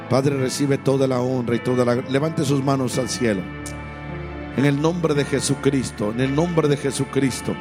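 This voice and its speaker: With a medium-pitched voice carrying a breathy edge, this Mexican pastor alternates between forceful exhortation and soft asides in his sermon. He speaks with a Mexican Spanish accent and finishes by leading the congregation in prayer.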